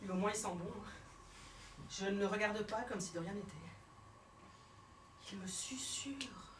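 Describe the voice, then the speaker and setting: A woman comedian performing a one-woman stage show, telling her story theatrically and swinging between hushed and shouted lines. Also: medium pitch, steady tone, a little fast, slight background noise. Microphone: fixed camera from the hall. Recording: roomy hall sound from far off.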